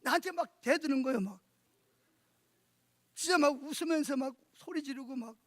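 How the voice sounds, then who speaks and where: With a very high voice and a moderate pace, a middle-aged pastor delivers his sermon to a church conference, telling lively stories. He often asks the congregation rhetorical questions, and there is no room sound.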